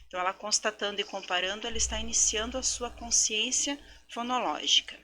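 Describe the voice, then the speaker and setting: Brazilian woman teacher explaining phonics, super bright tone, keeps checking in with little tag questions. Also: on the high side. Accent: Brazilian Portuguese. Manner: explanatory, slow syllable-by-syllable demonstrations. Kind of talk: recorded lecture for education students.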